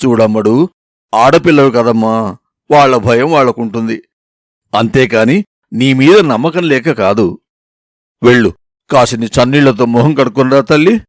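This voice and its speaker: A man voicing a protective grandmother who scolds her family sharply and coaxes her granddaughter gently, in a storytelling reading. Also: medium pitch, moderate pace, pauses often, no echo, studio quality, voice pushed down, close to an everyday voice. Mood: soothing. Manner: sharp scolding, then soft coaxing.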